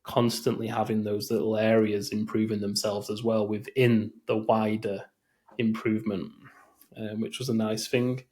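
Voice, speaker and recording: A man's voice: lowish voice, little pitch movement, moderate pace, darkish tone. A man co-hosting a podcast, chatting casually and rambling with many fillers and restarts. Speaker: podcast co-host. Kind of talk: casual chat.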